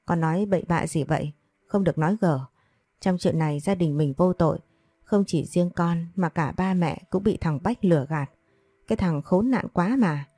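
A woman's voice: on the low side, normal speed, mellow, dry recording, close to an everyday voice. A woman reading the lines of a worried, protective middle-aged mother in a storybook, with an earnest, scolding manner. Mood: consoling.

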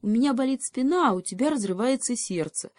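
A woman's voice: on the high side, expressive, fairly quick, darkish tone, dry recording, studio quality, pitched above the performer's own voice, close to an everyday voice. A woman voicing a small, brave male hedgehog who urges his friend on while stoic through pain, in a storybook reading.

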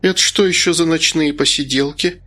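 A man's voice: on the high side, fairly even intonation, normal speed, sharp tone, pitched above the performer's own voice. A man voicing a stern, dignified woman who runs the house, in an audiobook reading. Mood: gracious. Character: stern lady of the house, softened.

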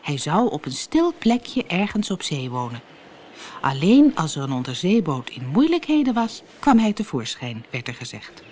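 A woman narrating a children's storybook in an expressive storytelling manner. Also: sits low, moderate pace, slight background noise.

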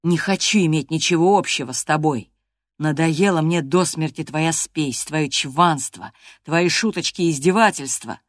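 A sullen, rough young man, as read by a woman narrator answers bluntly and slowly. Her voice stays fairly low for the part, and the sound is dry. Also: dry recording, lightly acted. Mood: angry.

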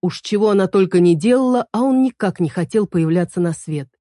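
A woman reads a fairy-tale story aloud in a measured, even manner. Her voice is mellow and dark, and the recording is dry and close. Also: mid-range voice, dry recording. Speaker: audiobook reader. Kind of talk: scripted narration of a fantasy tale.

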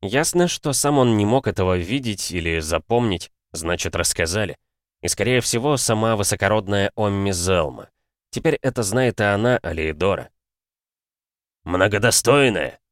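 Man, audiobook narrator, low voice, measured reading, dry recording. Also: lively intonation, no echo. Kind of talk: scripted fantasy narration.

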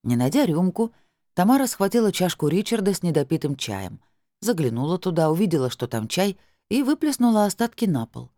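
An expressive audiobook narrator telling a first-person story and acting out the dialogue. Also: medium pitch, fairly quick, no room sound, studio quality.

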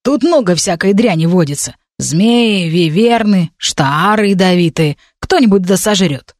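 A woman voicing a gruff, grumbling male goblin doorkeeper in an audiobook, curt and growling. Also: lowish voice, animated, unhurried, no echo, studio quality.

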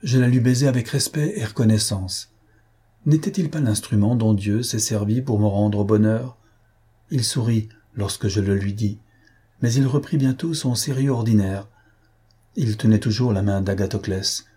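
A man narrating a classic novel aloud as an audiobook reader, in an even, literary storytelling manner. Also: on the low side, moderate pace, slightly rough.

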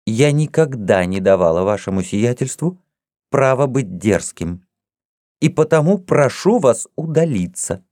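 A man's voice: mid-range voice, big pitch swings, unhurried, warm tone, dry recording, clean studio sound, voice pushed up. A man voicing a proud, teasing young princess in an audiobook reading, with a haughty, mocking manner.

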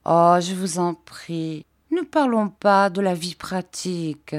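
Woman putting on a timid pampered girlish woman, pleading, high and pouty, mellow tone. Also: sing-song, takes it slowly, exaggerated voice. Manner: pleading, pouting, high and breathy.

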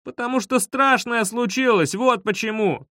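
A man voicing a frightened schoolboy in an audiobook, crying out in high, panicky pleas. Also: drawn-out words, darkish tone, dry recording, clean studio sound, exaggerated voice. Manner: high, panicky pleading cries. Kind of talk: audiobook reading.

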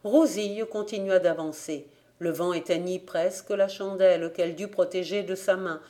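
Woman reading an audiobook, measured and steady. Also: fairly low pitch. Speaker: volunteer audiobook reader. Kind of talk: audiobook narration of a classic novel.

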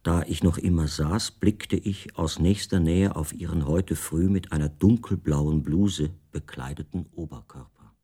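An actor with a deep, mellow, husky voice plays a captive writer in a radio play, recounting his confinement. His literary narration is measured, precise and detached, with a calm, observant mood.

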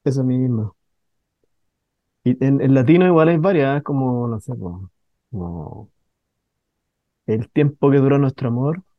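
A man's voice: mid-range voice, a little slow, long pauses, dry recording, highs cut off. A man with a Chilean accent, a radio host in casual banter, joking and rambling while he searches for words. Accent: Chilean Spanish.

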